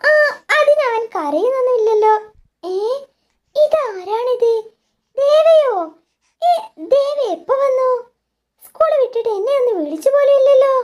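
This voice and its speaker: Fretful, soothing young mother, voiced by a woman; high, slow delivery. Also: lively intonation, darkish tone. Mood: puzzled. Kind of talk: doll story voice acting.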